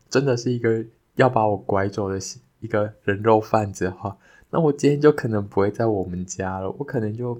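A young man hosting a podcast, telling a childhood story in a casual, animated way that turns sincere when he gives thanks. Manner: animated, jumps higher when retelling the scary parts. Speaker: podcast host.

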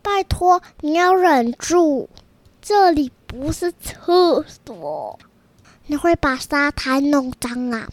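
A woman voicing a mischievous grey cat who pleads in a drawn-out way in a children's storybook. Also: high voice, very animated, voice pushed up, full character voice. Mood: pleading.

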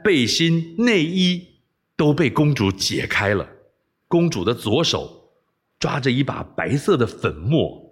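A man's voice: medium pitch, slightly rough. A middle-aged man from Taiwan, telling and reading a story expressively. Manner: animated, expressive.

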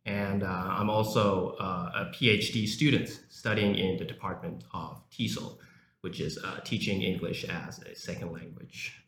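A young man who grew up in South Africa, a university English lecturer, speaks casually as an interview guest with frequent filler words. His low-pitched voice is steady and fairly bright at a moderate pace, in an echoey room with faint background noise.

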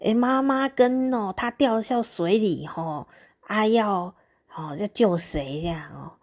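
A woman voicing an earnest, chatty elderly grandmother who drags out her words slowly. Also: mid-range voice. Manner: drawn-out, slow, with frequent drawled particles.

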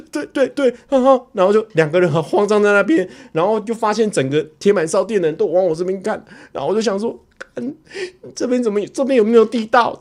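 A livestreamer and YouTuber with a high voice and a Taiwanese Mandarin accent tells a story casually on a livestream. He's animated, acting it out and stammering through repeated words.

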